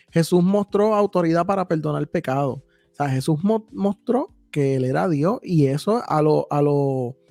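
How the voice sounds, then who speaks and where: A man's voice: a little high, gravelly, a little mellow, no room sound. A man hosting a casual Bible discussion podcast, reading scripture aloud and explaining it with rhetorical questions. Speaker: podcast host.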